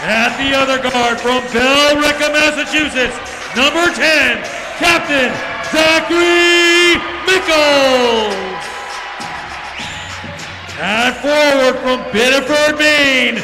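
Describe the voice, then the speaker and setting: Guy doing stadium announcer hype, high creaky voice, shouting long drawn out names, echoey gym. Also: takes it slowly, music in the background. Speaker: public address announcer. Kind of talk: echoing stadium announcer, hyped lineup introductions. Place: indoor gymnasium over PA system. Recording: echoey noisy gym with crowd.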